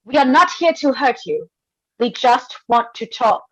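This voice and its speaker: A woman in a live script reading, playing a calm, firm, reassuring mutant heroine. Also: on the high side, normal speed, slightly rough, rough recording.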